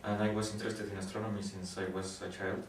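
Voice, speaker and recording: Recorded from afar in a roomy space with faint background noise, a young man from Guatemala who is doing a PhD in astronomy explains his research in an interview. His English, a second language, is halting and thoughtful, with frequent pauses, fillers and restarts. His low voice shows little pitch movement.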